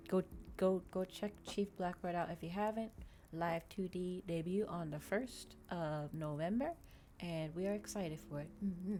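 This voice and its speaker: Faint music plays behind this VTuber host, whose warm voice sits on the lower side and moves a little slowly. She chats with her audience casually, wandering from point to point and saying things over again in different words.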